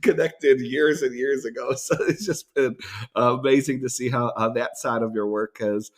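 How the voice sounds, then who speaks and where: A man hosting a conversational podcast interview, friendly and halting, with many fillers and restarts. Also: mid-range voice, fairly even intonation. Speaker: podcast host.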